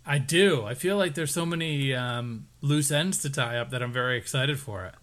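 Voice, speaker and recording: Male podcast co-host, casual episode recap, lively, playful asides, chuckles, mid-pitched voice. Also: normal speed.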